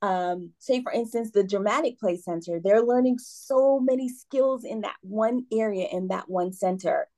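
A woman's voice: medium pitch, moderate pace, few pauses, darkish tone. A woman who teaches preschool, talking in an interview, earnest and enthusiastic and often checking in with "right?". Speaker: preschool educator, guest. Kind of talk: casual interview talk.

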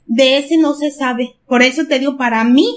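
Give me an older Mexican woman telling a long story on a casual podcast, taking her time, her voice a bit high. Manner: unhurried, repeats words for emphasis.

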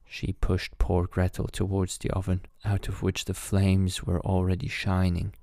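A man reading a fairy tale aloud as a bedtime story, calm and measured. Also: sits low, no room sound, studio quality.

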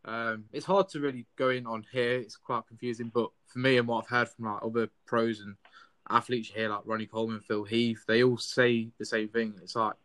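A man's voice: mid-range voice, level tone, fairly quick, fairly bright tone. A man in casual motivational chat, speaking in an earnest, encouraging way.

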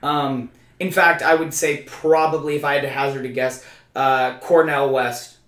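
A man's voice: medium pitch, level tone, normal speed, a bit bright. A man co-hosting a podcast in casual chat, stammering through restarts and talking emphatically. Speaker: podcast co-host. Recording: roomy echo.

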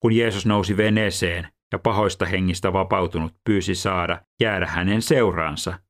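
A man reading scripture aloud in a measured, even scripted delivery. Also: low voice. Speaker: scripture reader.

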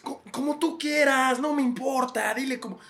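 A man's voice: very high voice, moderate pace, fairly bright tone, voice pushed up. A man with a Mexican accent voicing a language academy as a tired man who brushes off every question in a whiny, exasperated voice. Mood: fed-up dismissive.

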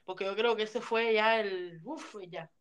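A woman telling funny stories in a casual chat, animated and dropping English phrases in. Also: mid-range voice, takes it slowly, a crowd in the background. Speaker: podcast co-host.

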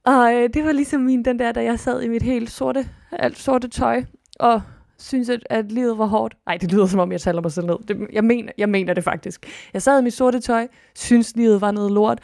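A woman hosting a solo podcast, talking in a casual, expressive and chatty way, restarting often and swooping up now and then. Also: on the high side, creaky, no echo, clean studio sound. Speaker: podcast host.

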